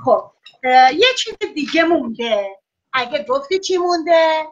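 A woman teaching a class of young children over a video call, praising them often and drawing out words slowly so they can write them down. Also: high-pitched, animated, muffled recording, background noise. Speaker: primary school teacher.

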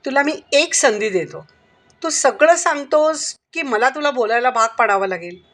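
A commanding male inspector from an audio storybook, as a woman narrator reads him out. He presses with sharp, probing questions. The voice sits somewhat high. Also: animated, normal speed, soft background music. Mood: stern. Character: stern middle-aged male police inspector.

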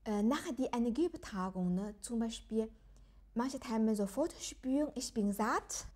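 A woman in her forties from China, a qigong teacher speaking halting German with many fillers in an interview. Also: a little high, lively intonation, warm tone. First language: Chinese. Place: indoor room with large windows. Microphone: lapel.

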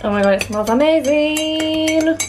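A woman's voice: high-pitched, measured pace, noisy background. A young woman vlogging in a chatty, bubbly way, a bit stuffy from a cold. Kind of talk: casual vlog chat.

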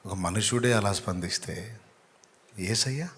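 Low-voiced male preacher telling a story. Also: measured pace, a bit bright, a little hiss or hum. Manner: sympathetic storyteller. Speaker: pastor. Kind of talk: storytelling sermon.

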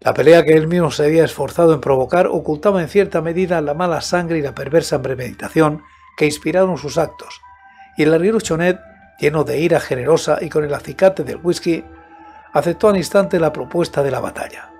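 This elderly narrator, host of a horror story program, works from a script into a close studio microphone with headset monitoring. Pitched slightly high for a man and carrying a darkish tone, his reading is measured and careful, set against background music.

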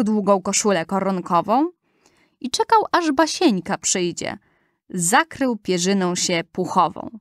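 A woman narrating a rhyming fairy tale for children, reading the verse in a gentle, measured way. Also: mid-range voice, dry recording, studio quality. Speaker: storyteller.

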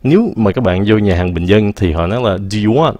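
A man's voice: lowish voice, lively intonation, darkish tone, no echo. Man, patient English teacher, dry close sound. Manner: patient, repeats English example phrases slowly. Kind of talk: casual explanatory lesson.

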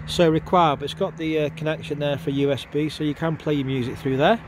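A man's voice: a little high, steady tone, fast. A man with a cold giving a casual, chatty walkaround sales presentation of a used car. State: congested with a cold. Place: outdoors at a car lot, walking around a car. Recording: outdoor handheld video with clear background noise.

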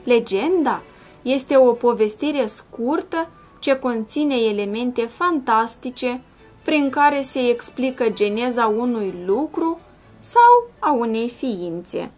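A woman primary school teacher giving a slow, clear video lesson, patiently spelling out syllables and sounds step by step. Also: on the high side, lively intonation. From Moldova. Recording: voice-over with soft background music.

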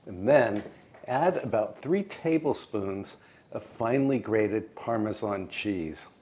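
Slow, low-voiced older American man cooking. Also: noisy background. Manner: calm, precise, gently encouraging. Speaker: cooking show host. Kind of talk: step-by-step cooking demonstration. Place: home kitchen, indoors. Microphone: lapel mic.

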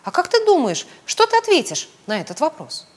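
Piglet: a woman playing a tiny storybook piglet, shrill and squealing, loud and very high, jumpy. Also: a little fast, long reverb tail, full character voice. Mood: curious. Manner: squealing, breathless excitement. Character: tiny timid excitable young male piglet.

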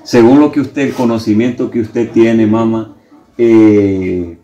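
A middle-aged man asks questions in an informal interview. His voice is slightly low with a warm, dark tone. He hesitates and rephrases as he goes. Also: fairly even intonation, takes it slowly, roomy sound, muffled recording. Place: small brick room at home.

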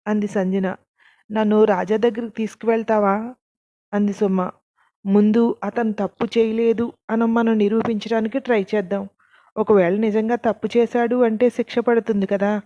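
A woman narrating a scripted story, reading every character's lines in the same even narrating voice. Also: medium pitch, no room sound, highs cut off.

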